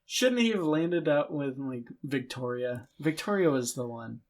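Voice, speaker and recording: A man hosts a podcast and interviews a guest. His talk is loose and conversational and tends to ramble. His voice sits at a middle pitch. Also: lively intonation, unhurried. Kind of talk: casual interview chat.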